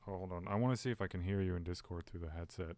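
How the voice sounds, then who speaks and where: A young man streams a VR game, chatting casually into his headset mic and rambling with plenty of "like" and "uh." His low voice is a little mellow and comes rapid-fire. Slight background noise sits behind him.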